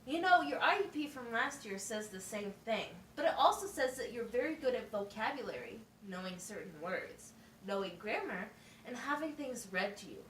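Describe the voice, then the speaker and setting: The woman voicing the puppet-show schoolteacher speaks at normal speed, her voice on the high side, expressive and a bit bright. Patient and encouraging, she keeps explanations simple and asks checking questions in this amateur production. The sound is roomy, captured from a distance with faint noise.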